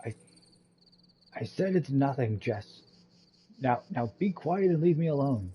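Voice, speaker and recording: A man's voice: mid-range voice, lively intonation, measured pace, creaky, dull audio, slight background noise. A man voicing a brash, boastful young male warrior who bickers. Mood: flustered. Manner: cocky, bickering.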